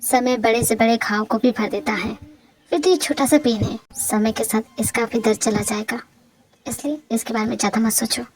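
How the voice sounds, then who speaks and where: A woman voicing a gentle young husband who comforts his wife in soft, soothing tones in a fan-dubbed romantic audio drama. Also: a little high, fairly even intonation, normal speed, voice pushed down, natural voice. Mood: tender.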